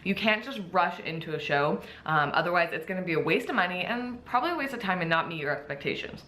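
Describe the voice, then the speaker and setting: A woman's voice: on the low side, animated, fast talker, sharp tone, a little hiss or hum. A woman talking casually to her vlog audience in an upbeat, chatty way, with a slight lisp from wearing dental aligners. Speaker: vlogger, bikini competitor.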